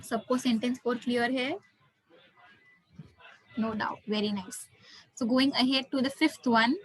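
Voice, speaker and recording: Higher-voiced Indian woman teaching a class. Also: fairly even intonation, moderate pace, husky, rough recording. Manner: encouraging, praising, repeats phrases. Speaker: French teacher. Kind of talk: interactive online class teaching, switching languages.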